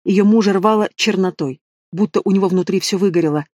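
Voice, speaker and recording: A man narrating a fantasy audiobook with a steady, expressive reading. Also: sits high, fairly quick, no room sound, clean studio sound. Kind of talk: scripted narration.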